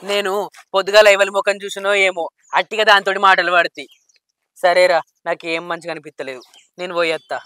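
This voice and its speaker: A man's voice: high-pitched, flat delivery, quick pace, sharp tone, a little hiss or hum. Wailing, cursing village man. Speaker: village comedy actor. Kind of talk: lamenting curses and wailing in village comedy.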